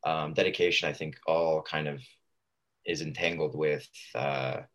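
A man from Southern California chatting casually as an interview guest, in informal, rambling, halting phrases. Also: rumbling low, fairly even intonation, fairly bright tone, muffled recording. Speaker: radio show guest, fitness coach.

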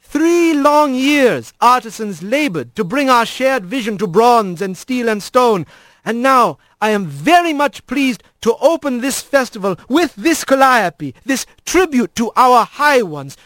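A man's voice: very high-pitched, a bit bright, dry recording, pitched above the performer's own voice, exaggerated voice. A man voicing a formal male squirrel priest who speaks with inverted, stately word order.

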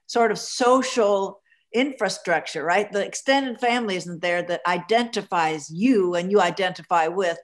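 A woman hosting a radio interview, her voice mid-pitched and even. She feels her way through questions thoughtfully, rephrasing as she goes. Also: normal speed. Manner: thoughtful, searching phrasing.

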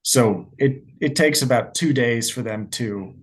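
A man's voice: mid-range voice, measured pace, slightly rough. A man who directs documentaries, answering interview questions in an earnest, storytelling way with many fillers. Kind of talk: interview guest.

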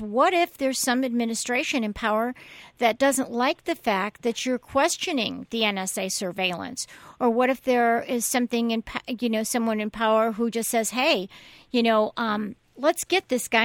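Female radio host, pointed and quick, dry studio sound. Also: a little high, fairly bright tone, no room sound. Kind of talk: radio interview.

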